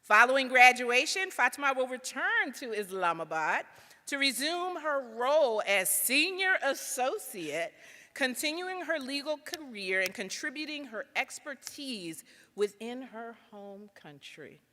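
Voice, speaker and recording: A woman's voice: high-pitched, big pitch swings, a little slow, bright, forceful tone. A woman, a law school dean, gives a ceremonial introduction at a podium, lightly joking. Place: large auditorium. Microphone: podium microphone. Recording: auditorium with long reverb.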